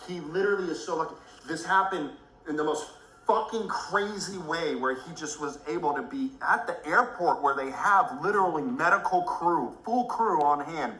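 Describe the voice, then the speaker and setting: A man's voice: a little high, animated, normal speed, bright, forceful tone, roomy sound, rough recording. A man ranting angrily on a livestream, swearing heavily, angry and emotional. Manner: heavy swearing, furious and emotional. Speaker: livestream host.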